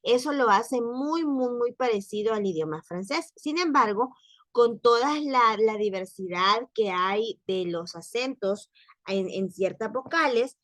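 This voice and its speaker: A woman teaching French in an online class, speaking slowly and repeating words for practice. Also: fairly high pitch, lively intonation, a bit bright, no room sound. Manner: slow, careful, repeats words for drilling.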